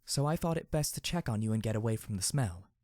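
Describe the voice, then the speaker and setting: A man reading an audiobook, voicing a calm and distant female zebra spirit-medium who speaks in a slow, measured, solemn way. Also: lowish voice, no echo, studio quality.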